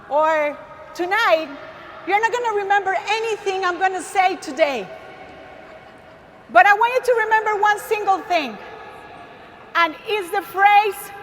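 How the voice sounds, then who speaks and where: Very high-pitched Costa Rican woman, emphatic. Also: a bit bright, slight background noise. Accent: Costa Rican Spanish. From Costa Rica. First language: Spanish. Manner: emphatic, calls out to the crowd. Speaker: speaker giving a testimony. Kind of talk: faith testimony to a large audience. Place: large arena stage. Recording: long hall reverb, faint ambience.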